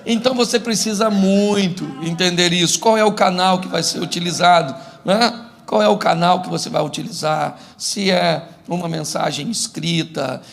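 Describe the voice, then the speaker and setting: A man's voice: high-pitched, steady tone, moderate pace, vocal fry. A man from Brazil, a pastor giving a humorous sermon, telling stories and acting out couples' quarrels in a church. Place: church before a laughing congregation.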